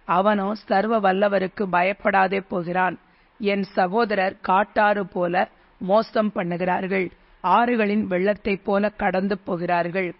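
A man reading scripture aloud in a steady, measured recitation. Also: high voice. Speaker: Bible reader. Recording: dull lo-fi recording.

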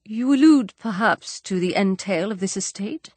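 A woman's voice: medium pitch, animated, normal speed, a little mellow, slightly rough, no room sound. Woman reading a pompous formal clergyman. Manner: stiff, formal and wordy. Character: pompous formal young clergyman, fawning and long-winded.

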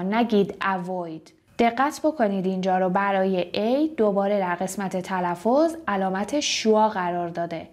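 A young woman giving a vocabulary lesson, reading example sentences slowly and breaking each word down piece by piece. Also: medium pitch, a little mellow. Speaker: English teacher. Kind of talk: vocabulary lesson explaining words.

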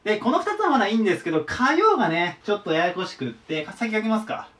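A man's voice: sits high, big pitch swings, fast talker, fairly bright tone. A man giving a casual whiteboard lesson as an online tutor, chatty and sharing his own memory tricks. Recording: voice a bit distant from the mic.

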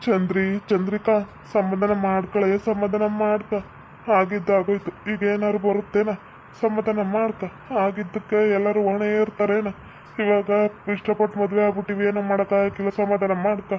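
A woman's voice: medium pitch, completely flat delivery, normal speed, darkish tone, slight background noise, close to an everyday voice. A woman voicing a young village husband in a cartoon, coaxing and soothing in a North Karnataka accent. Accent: North Karnataka Kannada. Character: young village husband comforting his wife.

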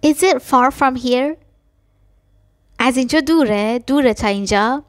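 A woman teaching a language lesson, explaining quickly and then repeating short phrases slowly and carefully. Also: sits high, no room sound, studio quality. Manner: switches between fast explanations and slow, careful repetitions. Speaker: English teacher.

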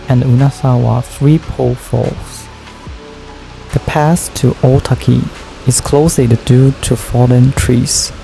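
A Japanese man narrates his travel vlog in slow, careful, measured learner's English over soft background music. His voice is deep, dark, and mellow with a gravelly edge, though the audio quality is poor.

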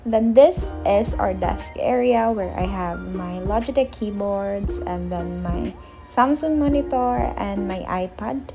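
A woman, chatting casually through a vlog, soft-spoken and laughing easily. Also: medium pitch, slow pace, rough recording. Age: 20s. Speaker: vlogger. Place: small apartment room, indoors. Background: background music.

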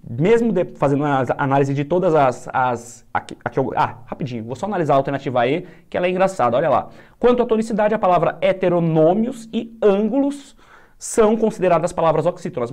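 A male teacher, going through exam questions in a casual lesson, upbeat and chatty, drawing out key words slowly. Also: high-pitched, darkish tone.

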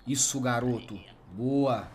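A man's voice: medium pitch, slow. Urgent Brazilian man leading a game rescue. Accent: Brazilian Portuguese. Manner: urgent, commanding, counting out loud. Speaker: roleplay firefighter medic. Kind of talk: game roleplay over voice chat.

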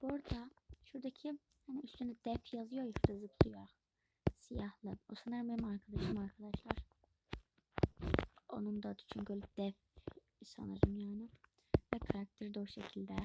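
Woman, gaming channel host, chatty and easily stressed, fairly high voice, loud noise and clicks behind. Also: flat delivery, quick pace, creaky. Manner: chatty, easily stressed, frequent exclamations and soft whispered asides. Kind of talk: casual let's-play commentary.

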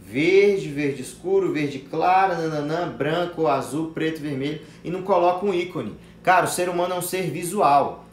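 A young Brazilian man with a slightly high voice teaches a live online class, bluntly and full of slang. He swears freely and calls viewers "brother." His voice echoes in a room, with faint ambient noise behind it. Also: normal speed. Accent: Brazilian Portuguese. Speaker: online sales mentor.

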